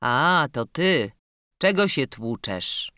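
A woman reading the part of a stern elderly male canon scholar, giving brisk, commanding orders. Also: very deep voice, big pitch swings, pushed and bright, clear, resonant tone, no room sound, studio quality, heavily acted. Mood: gruff.

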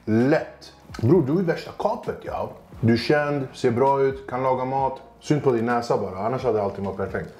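A man's voice: medium pitch, a little mellow, echoey room. A man, a stand-up comedian, telling funny anecdotes in a casual chat, acting out quoted voices and laughing often. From Sweden, Kurdish family roots. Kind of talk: casual chat, animated storytelling.

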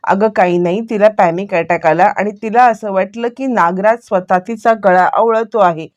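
A woman voicing a calm older uncle who soothes gently. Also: mid-range voice, normal speed, highs cut off, close to an everyday voice. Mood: soothing.

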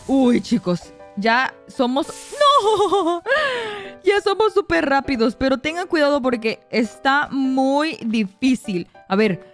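A young woman giving excited gameplay commentary, often shrieking and squealing at mishaps while talking to her viewers. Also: sits high. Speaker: gaming youtuber.

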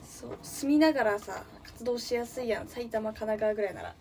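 A woman's voice: fairly high pitch, fairly quick, vocal fry, darkish tone, slight background noise. A young woman from Nagano, chatting casually on a livestream, thinking aloud and greeting viewers often. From Nagano, Japan. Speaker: livestreaming idol.

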